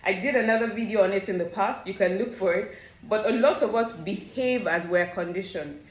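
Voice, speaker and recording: A woman's voice: medium pitch, brisk. A woman giving a motivational talk to her viewers, earnest and coaching, often checking that they follow her. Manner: earnest, coaching, asks "do you understand?". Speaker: vlogger. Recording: roomy echo.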